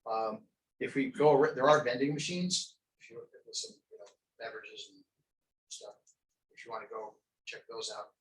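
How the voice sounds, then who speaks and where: A man's voice: medium pitch, moderate pace. A man teaching a crisis intervention class in a conversational, rambling way with lots of fillers. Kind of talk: classroom lecture. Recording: echoey training room, distant mic, faint noise.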